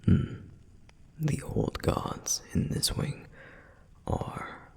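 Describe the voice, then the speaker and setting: In an ASMR roleplay, a male performer voices a protective, reverent flame demon who acts as a softly flirtatious lore guide. He speaks in a breathy, husky whisper, giving measured, gentle explanations with frequent pauses, in a reverent, fascinated mood. A long, reverberant hall echo surrounds the recording.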